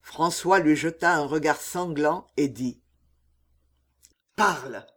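A man reading a historical adventure novel aloud in a measured, dramatic way. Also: a little high. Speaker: audiobook reader. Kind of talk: scripted narration of a historical novel.

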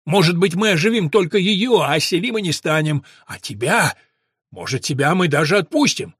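A man reading an audiobook, voicing a heavy, half-mad drunk man who begs and rants in a loud, strained voice. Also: on the high side, expressive, moderate pace, breathy edge, no room sound, studio quality. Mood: frantic. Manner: wailing, begging, half-mad. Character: heavy drunk older man, pleading and frantic. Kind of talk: audiobook character voice.

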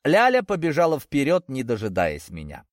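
A man narrating a fantasy story in the first person as an audiobook, in steady, expressive storytelling. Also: mid-range voice, normal speed, dry recording, clean studio sound.

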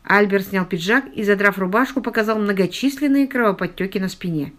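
A woman narrating a detective novel in an even, measured storytelling voice. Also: medium pitch. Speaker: audiobook narrator. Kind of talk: scripted narration.

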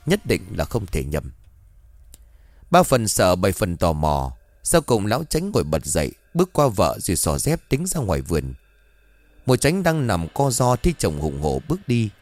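A man's voice: on the low side, darkish tone, no room sound. A man narrating a horror folk tale with suspenseful, dramatic storytelling.

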